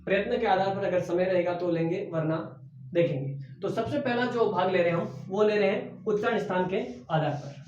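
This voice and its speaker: A man's voice: sits high, brisk, a little mellow, slight background noise. A man teaching an exam-prep grammar lesson who often asks the class his own questions back and then answers them. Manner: repeats key words as questions to the class. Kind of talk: classroom lecture for exam preparation. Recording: echoey room, voice from a distance, dull sound.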